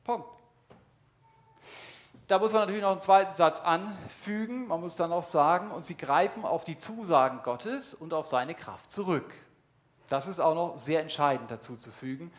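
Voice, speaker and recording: A man's voice: fairly high pitch, moderate pace. A middle-aged man preaching a sermon at a church service, earnest and emphatic, speaking straight to his listeners.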